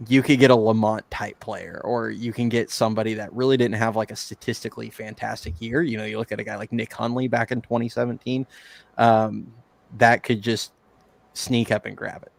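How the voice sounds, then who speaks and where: Gravelly-voiced man in casual sports chat. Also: lowish voice, dry recording. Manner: laughs often, quick joking asides. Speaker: podcast co-host.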